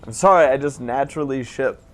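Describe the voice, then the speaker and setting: A man's voice: mid-range voice, brisk. A man co-hosting a let's play, playful and laughing often while chatting about the game. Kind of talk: casual game commentary.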